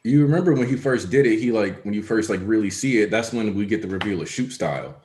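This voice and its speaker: A man's voice: on the low side, expressive, quick pace, a little mellow, slight background noise. A man co-hosting a casual chat, talking in a rambling way with many fillers. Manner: rambling, many likes and ums. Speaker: podcast co-host.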